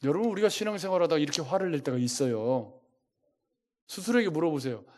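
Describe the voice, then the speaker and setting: Male pastor, slightly high voice, preaching a sermon that keeps asking the congregation questions, lively, shifts loudness for emphasis. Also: fast talker. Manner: asks the congregation many rhetorical questions.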